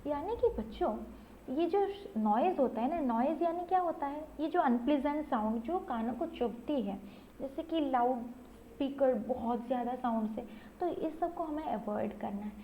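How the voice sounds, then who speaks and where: A woman's voice: high voice, animated, normal speed, mellow, a little hiss or hum, poor audio. A woman telling a moral story to children in a chatty way, asking herself questions and checking in with "thik hai" as she goes.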